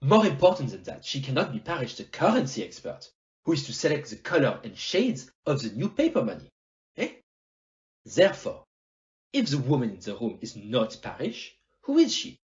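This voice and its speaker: An amateur performer's take on a famous fictional detective for an audio play, shrewd and courtly. The delivery is theatrical and extremely animated, dotted with French phrases and questioning tags. The sound is slightly dull and lo-fi. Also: mid-range voice, moderate pace. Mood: explaining, self-assured. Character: Hercule Poirot, courteous, shrewd, self-assured foreign male detective.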